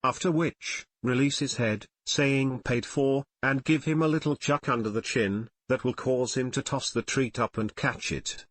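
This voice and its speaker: A man's voice: mid-range voice, moderate pace, hardly any pauses, no echo. Man reading dog-training steps, dry. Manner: steady, instructional read. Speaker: narrator of dog training videos. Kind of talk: scripted narration.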